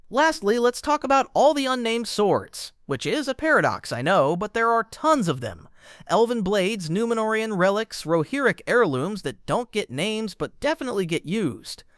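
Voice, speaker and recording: A man reading a scripted lore explainer, with a wry, joking manner and quick comic asides. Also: high-pitched, big pitch swings, a bit bright, dry recording, studio quality. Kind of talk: scripted narration.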